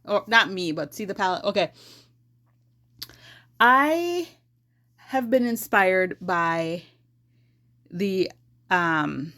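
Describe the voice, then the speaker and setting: A woman's voice: on the low side, slow, a bit bright. A woman beauty vlogger talking casually to her viewers, thinking aloud and correcting herself mid-sentence as she sorts her makeup. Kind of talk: casual rambling chat to camera.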